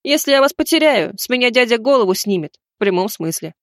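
A woman's voice: a little high, expressive, quick pace, no echo, clean studio sound, close to an everyday voice. A woman narrator voicing a cocky, teasing young male vampire in an audiobook. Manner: mocking, self-assured.

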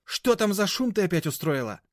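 A man voicing a feisty, sharp-tongued older grandmother who scolds scornfully and bossily. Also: sits high, sing-song, brisk, dry recording, clean studio sound, voice pushed up. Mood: scolding.

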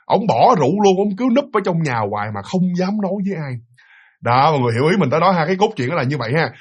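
A man's voice: on the high side, very animated, very fast, husky, highs cut off. A man with a Southern Vietnamese accent casually telling a ghost story, chatty and addressing his listeners directly.

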